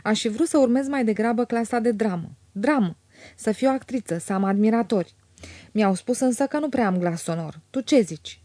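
A woman voicing a lively, teasing young woman in an audiobook, her tone lifted and bright with chatter. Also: on the high side, no room sound, studio quality, natural voice. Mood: chatty. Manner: bright, teasing, quick to laugh.

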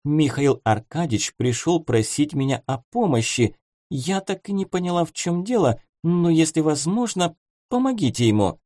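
A man's voice: very animated, moderate pace, a little mellow, no room sound. Man voicing a prim curious young baroness. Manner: raised girlish pitch, reproachful. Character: young flustered noble girl, curious baroness. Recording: dry close studio sound.

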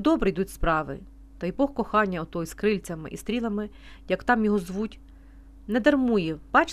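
A woman narrating a novel as an audiobook reader in an even, expressive storytelling manner. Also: mid-range voice. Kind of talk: scripted narration.

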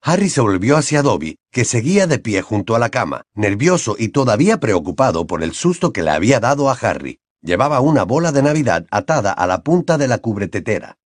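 A man narrating an audiobook in an expressive storytelling manner on a close mic. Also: medium pitch, fairly quick, hardly any pauses, no echo. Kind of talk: scripted narration.

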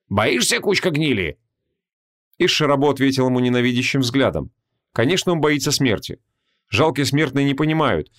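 Man narrating a fantasy audiobook. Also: mid-range voice. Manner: even, measured storytelling.

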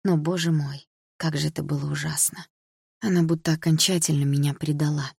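Husky, lower-pitched woman narrator, first-person audiobook read, dry studio sound. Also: fairly even intonation, a little fast, a little mellow, no echo.

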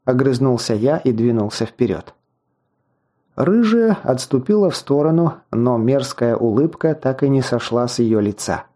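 A man narrating a fantasy novel in the first person, in an even, storytelling manner with wry asides. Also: mid-range voice, normal speed. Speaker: audiobook narrator.

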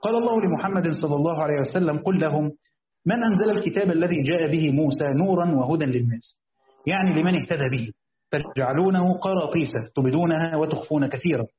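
Egyptian sheikh reading commentary over a thin line. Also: male voice, on the high side, fast talker. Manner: switches between formal reading and casual asides, thinking aloud. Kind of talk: classical text reading with colloquial explanation. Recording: echoey, phone-like, faint hiss.

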